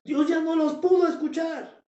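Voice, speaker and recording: A male pastor, preaching a sermon with passion, shouting for emphasis and repeating his phrases. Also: very high voice, level tone, normal speed, echoey room, muffled recording.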